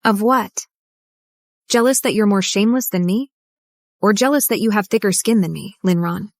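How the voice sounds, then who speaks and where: Recorded dry in a studio with no room sound, a woman with a natural, medium-pitched voice dubs a defiant young heroine in an English drama, firing cutting remarks back at her family at a moderate pace.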